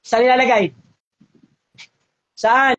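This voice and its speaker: A man's voice: extremely high pitch, fairly even intonation, slow pace, a bit bright. Coaxing faith healer man. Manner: coaxing, repeats short questions. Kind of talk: live healing session. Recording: dull lo-fi audio.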